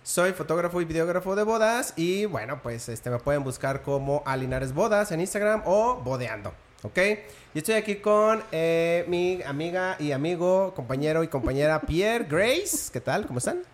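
A man with a fairly high-set voice hosts a casual podcast. He talks informally to listeners as if they were friends, in an easy conversational style. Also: sing-song, normal speed. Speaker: podcast host.

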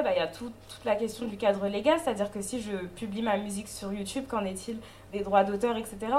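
A woman's voice: mid-range voice, darkish tone, a little hiss or hum. Hesitant woman reporting back to a group. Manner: hesitant, many fillers and restarts. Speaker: workshop spokesperson.

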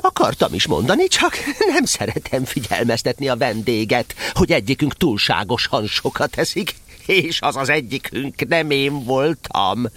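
A man playing a fussy, blunt, self-important male rabbit in a children's radio play, with an excitable manner. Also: medium pitch. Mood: scolding.

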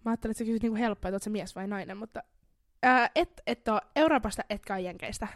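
A woman's voice: fairly high pitch, no room sound. Playful woman podcast host, dry sound. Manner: playful, giggly, drops to near whispers. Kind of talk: casual podcast game chat.

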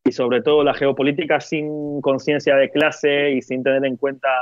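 Laughing, animated male podcast guest. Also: mid-range voice, normal speed, dry recording, lo-fi sound. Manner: animated, laughs often, swears casually. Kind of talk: casual podcast chat.

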